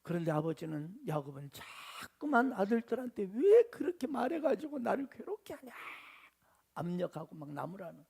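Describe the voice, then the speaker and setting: Male pastor, sermon, very high pitch, gravelly edge, questions the congregation. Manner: animated preaching, asks the congregation questions and voices the Bible figures.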